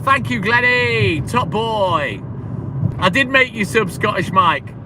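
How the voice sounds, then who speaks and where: A man's voice: sits high, animated, takes it slowly, noisy background. A man chatting casually and upbeat on a live stream, slangy and laughing often.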